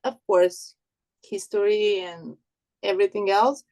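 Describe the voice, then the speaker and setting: Romanian by birth and raised in Italy, a woman takes part in a workshop over a video call, speaking slowly and unhurriedly in a mid-range, slightly mellow voice. Earnest and hesitant in casual chat, she pauses often, uses many fillers, and restarts her sentences.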